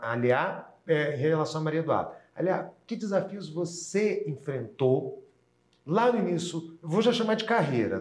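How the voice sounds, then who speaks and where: A man hosts a casual interview in a somewhat high voice, stumbling and restarting as he asks his questions. His voice echoes around the room. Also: darkish tone. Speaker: podcast host.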